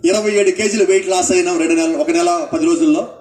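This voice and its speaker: High-voiced man preaching, echoey hall. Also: fairly even intonation, fast, darkish tone, distant mic. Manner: preaching with acted-out quotes and questions to the congregation. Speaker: pastor. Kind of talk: sermon.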